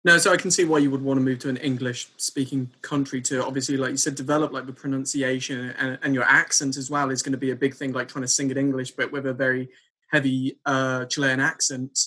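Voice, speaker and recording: A man's voice: medium pitch, level tone, fast, pushed and bright. A man chatting casually as a podcast host and interviewer. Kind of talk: casual chat.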